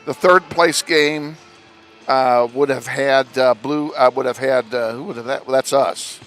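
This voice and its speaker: A man's voice: mid-range voice, fairly even intonation, a little slow, fairly bright tone, soft background music. A man with a Midwestern American accent giving an informal pregame tournament recap, with many fillers and self-corrections and slightly out of breath. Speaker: play-by-play broadcaster. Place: school gym broadcast booth.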